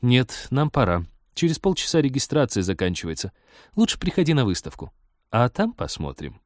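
A man's voice: medium pitch, sing-song, moderate pace, no room sound, studio quality, pitched above the performer's own voice, natural voice. A man voicing a cheerful young woman who dotes on her cat, in a storybook reading. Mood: chirpy.

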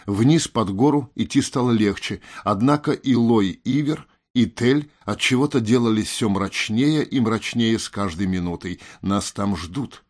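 A man reading an audiobook in a measured, slightly wry manner. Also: mid-range voice, a little mellow. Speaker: audiobook narrator. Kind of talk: audiobook narration.

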